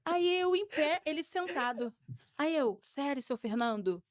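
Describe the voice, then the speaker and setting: Lively young Carioca woman, high voice. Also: measured pace, no echo, studio quality. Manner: animated storyteller, acts out quoted voices. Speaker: samba school muse, podcast guest. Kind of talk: storytelling interview chat.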